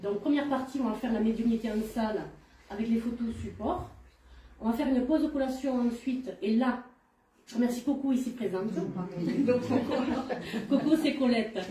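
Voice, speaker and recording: Fairly high-voiced woman hosting, echoey room. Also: moderate pace, mellow. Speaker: event host. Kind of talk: informal announcements to an audience. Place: indoor hall at a live-streamed event. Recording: echoey room, distant mic, audience noise.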